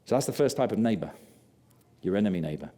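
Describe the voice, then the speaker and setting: A man preaching a sermon, telling stories with passion and dropping low and quiet for confession. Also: lively intonation, fast. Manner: impassioned storytelling, rising loud on key lines.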